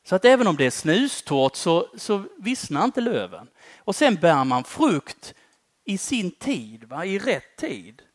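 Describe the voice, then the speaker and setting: Guy preaching a sermon, super lively up and down voice, loud then quiet, keeps saying va?, dry sound. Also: sits high, dry recording. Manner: conversational, often ends phrases with a questioning "va?"; dynamic, swings between loud emphatic lines and quiet dropped-off endings.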